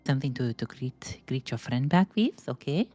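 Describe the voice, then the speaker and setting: A woman playing a tabletop game in casual in-character banter, halting and repeating words as she improvises. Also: a bass voice, lively intonation, warm tone.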